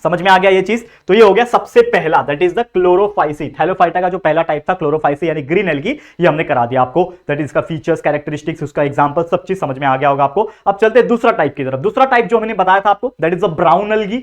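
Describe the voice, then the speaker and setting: Fast, high-voiced male tutor. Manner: asks rhetorical questions and answers them himself; mixes English terms into Hindi explanations. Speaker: biology tutor. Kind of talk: classroom lecture.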